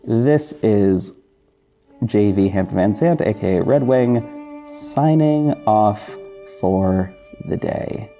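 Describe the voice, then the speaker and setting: Fairly low in pitch and dark in tone, this man speaks slowly and expressively over a bed of music. He's a podcast host and audio drama creator talking informally, alone, to his listeners, gushing and effusive.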